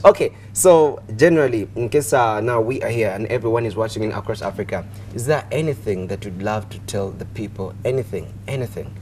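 In a studio with plainly audible background noise, a young Ugandan-accented host runs a casual interview in a fairly low, slightly mellow voice. He talks a bit fast with hardly any pauses, chatty and repetitive, peppering it with "you know".

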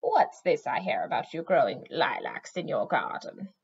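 Arshanis: a croaking, scolding old witch, voiced by a woman reader, low and rasping, storybook reading, muffled lo-fi sound. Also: big pitch swings, normal speed, a little mellow, a little hiss or hum, full character voice. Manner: scolding, harsh. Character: grumpy old witch, tall, hunched.

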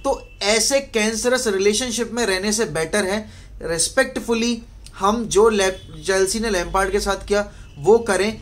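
A football fan vlogger in his twenties, an Indian-accented man with a high, fairly bright voice, rants after a match in a small bedroom. He's blunt, emphatic and exasperated, mixing Hindi and English casually.

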